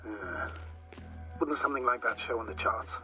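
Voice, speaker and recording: An actor voicing a male mission operator in a video game who talks in a measured, instructive way and thinks aloud. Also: mid-range voice, sharp tone, low-quality recording. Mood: steady. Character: steady male mission operator guiding a teammate. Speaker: remote mission operator on the radio. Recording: game audio with music under.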